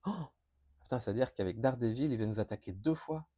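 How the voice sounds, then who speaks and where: This casual card preview comes from a board game YouTuber who reads new cards aloud, fumbles, self-corrects, restarts and reacts while figuring them out, full of fillers. He talks fast with lively intonation, his mellow voice neither high nor low.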